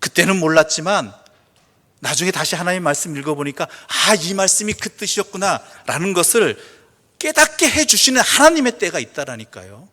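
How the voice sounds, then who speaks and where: A male pastor preaching a sermon, asking the congregation questions, answering them himself, and reading scripture slowly and softly. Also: sits high, very animated. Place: church sanctuary. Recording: long church reverb.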